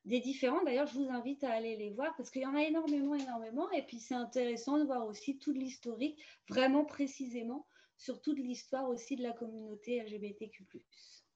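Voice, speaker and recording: A woman's voice: high voice, brisk, darkish tone. A woman presenting youth information in a casual, hesitant way, full of fillers and restarts, over a video call. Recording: dull lo-fi video call audio.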